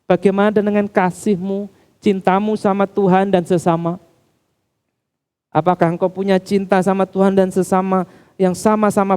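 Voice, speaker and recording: A man preaching a sermon in a church, calling the congregation Bapak Ibu Saudara as his pitch climbs and drops. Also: darkish tone, smooth. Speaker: pastor.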